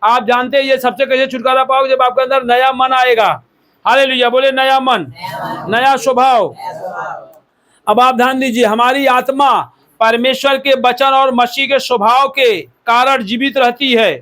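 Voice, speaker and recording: A man's voice: very high-pitched, fairly even intonation, normal speed, sharp tone. A man from India preaching a sermon as pastor, exhorting the listeners and repeating key words for emphasis.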